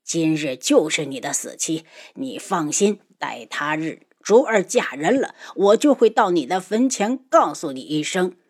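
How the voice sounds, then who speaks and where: A woman's voice: low voice, very animated, unhurried, breathy edge, full character voice. A woman voicing a ruthless, scheming old nobleman who mocks and menaces in an audiobook. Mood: menacing. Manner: sneering, menacing. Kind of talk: audiobook character voice.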